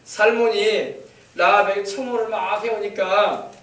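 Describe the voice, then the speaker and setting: A man's voice: sits high, steady tone, measured pace, fairly bright tone, echoey room, recorded from a distance. A man preaching a sermon as pastor, often calling out hallelujah and acting out quoted dialogue. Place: church sanctuary.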